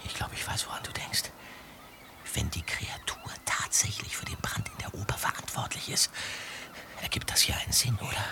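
A man's voice: mid-range voice, huge pitch swings, normal speed, vocal fry, whispered. A man acting a level-headed, observant young detective in an audio drama. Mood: hushed, reasoning.

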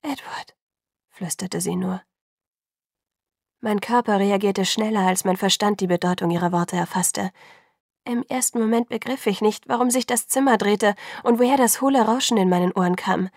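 A woman narrates a first-person story in an even, measured audiobook delivery. Her voice sits at a middle pitch and comes across dry and close, with no room sound. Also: no echo.

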